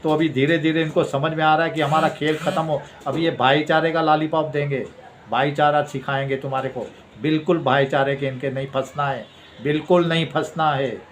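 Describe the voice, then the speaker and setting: A man's voice: a little high, fairly even intonation, normal speed, a little hiss or hum. Fervent male political commentator. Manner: fervent, declamatory, repetitive. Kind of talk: impassioned political monologue.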